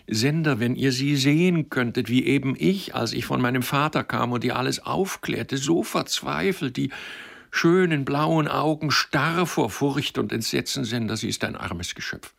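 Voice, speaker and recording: A man's voice: fairly low pitch, unhurried, vocal fry, sharp tone, breathy edge, pitched above the performer's own voice, heavily acted. A man voicing an anxious, tender young woman who pleads in a raised, strained voice. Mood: pleading.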